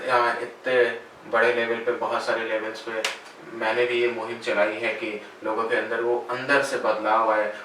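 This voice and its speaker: A man who works as a spiritual guide and meditation teacher, giving calm, measured answers in an interview. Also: on the low side. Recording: very echoey room, voice far from mic, faint noise.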